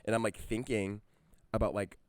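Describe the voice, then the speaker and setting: A man's voice: fairly low pitch, flat delivery, normal speed, darkish tone, clean tone, dry recording. A young man co-hosting a podcast, chatting in a laid-back, joking way full of slang. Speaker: podcast co-host. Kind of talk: casual chat.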